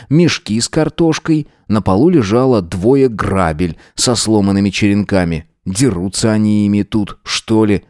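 Lively male audiobook narrator. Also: fairly low pitch, no room sound, studio quality. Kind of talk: scripted narration.

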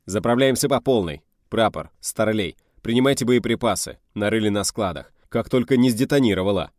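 A man's voice: on the low side, a little fast, a little mellow, no echo, studio quality, voice pushed up, lightly acted. A man reading the part of a curt, wry middle-aged army major giving orders in an audiobook. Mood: commanding.

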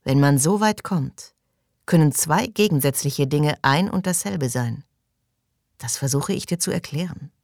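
A woman playing a withdrawn young mystic for an audiobook, speaking slowly in a hushed, distant tone. The voice sits very low and the recording is dry and close. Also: lively intonation, vocal fry, no echo, exaggerated voice. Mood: earnest. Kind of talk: audiobook reading.

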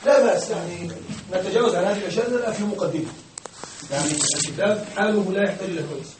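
A man's voice: high voice, very fast, noisy background. A man teaching grammar to a class, often asking a question aloud and then answering it himself. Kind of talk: classroom lecture. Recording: roomy, distant mic.

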